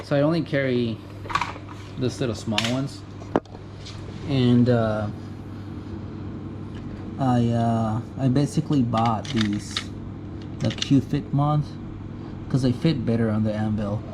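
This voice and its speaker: Speaking at a medium pitch, slowly and with frequent pauses, a US-born guy of Mexican heritage rambles through a casual tool show-and-tell. He fills it with ums, self-corrections and chuckles while filming at a junkyard in Japan. His GoPro mic captures noisy audio and a loud air conditioner hum.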